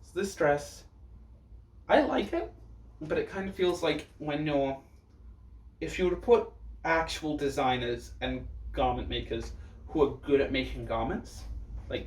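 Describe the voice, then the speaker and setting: A man with a sassy, campy drag queen manner giving casual, blunt reaction commentary. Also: mid-range voice. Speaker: drag performer reviewing looks. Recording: roomy echo, distant microphone.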